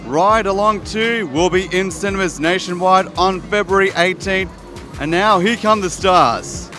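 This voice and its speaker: A man's voice: sits high, a little slow. A young man hosting and interviewing at a film premiere in a busy shopping centre, speaking into a handheld mic with music behind. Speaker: entertainment reporter. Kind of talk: red carpet interview. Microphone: handheld microphone.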